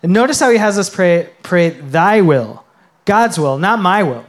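A man's voice: high voice, animated, measured pace. A man preaching a sermon as pastor, earnest and emphatic, asking the congregation questions.

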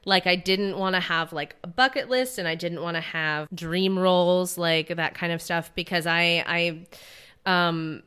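This woman in her twenties has a lowish voice that is pushed and bright, clear and resonant, and she speaks unhurriedly. As a guest on a casual podcast interview, she talks earnestly and ramblingly about her acting career, with plenty of "likes" and restarts.

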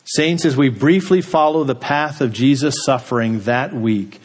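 A man delivering a sermon at a measured, unhurried pace. His voice sits in an ordinary middle register, and he lets each phrase sink to a low, quiet close. He speaks with the steady weight of a pastor addressing his congregation. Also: slightly rough. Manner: slow, deliberate delivery with dramatic drops in pitch and volume at phrase ends.

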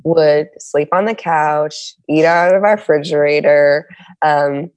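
Speaking as a podcast guest, this middle-aged woman from San Diego, United States, has a low, steady, smooth voice. Her talk is a candid, reflective interview, broken by pauses and restarts while she finds the right words. It's recorded up close and dry, free of any room sound.

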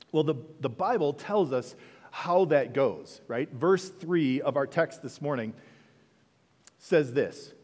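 A male pastor preaching in a chatty, questioning way, his fairly high voice swinging lively up and down. A long church reverb hangs on every phrase. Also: slightly rough. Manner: conversational preaching, rhetorical questions, dips soft then rises. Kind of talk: sermon.

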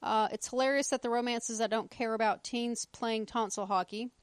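A woman's voice: on the high side, fairly even intonation, normal speed, smooth, dry recording. A woman with a Southern US accent co-hosting a casual podcast, reading listener notes aloud with wry, profane asides. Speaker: podcast host.

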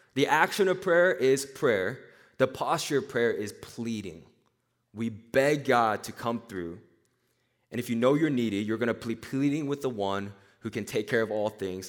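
A young man from Tennessee giving a casual sermon to students, telling stories in an animated, chatty way with asides. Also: mid-range voice. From born in Korea, raised in Nashville, Tennessee. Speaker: campus speaker.

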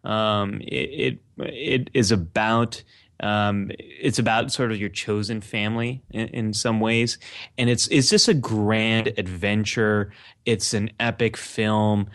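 A man's voice: lowish voice, fairly even intonation, slow, a bit bright, dry recording, studio quality. A man co-hosting a podcast, chatting casually and enthusiastically, with lots of fillers and restarts. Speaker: podcast co-host. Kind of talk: casual chat.

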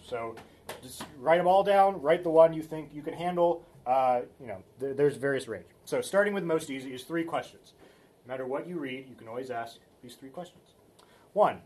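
A man's voice: a little high, a little mellow. A man teaching a Bible study in a loose, conversational way, with frequent fillers and restarts. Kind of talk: casual teaching talk.

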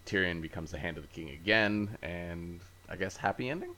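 Deep-voiced, bright-toned man recapping casually. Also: lively intonation, fairly quick. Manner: rambling recap full of fillers; easygoing, self-correcting. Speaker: podcast host. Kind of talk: casual chat.

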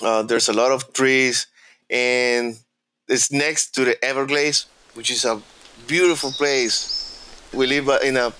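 A man being interviewed tells a personal story in a reflective, halting way, often repeating words while searching for them. He is a native Spanish speaker with a Venezuelan accent, and his mid-range voice is steady, bright, forceful and smooth.

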